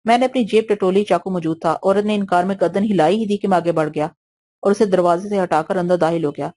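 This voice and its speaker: A woman's voice: on the low side, warm tone. Woman narrating an audio novel. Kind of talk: scripted narration.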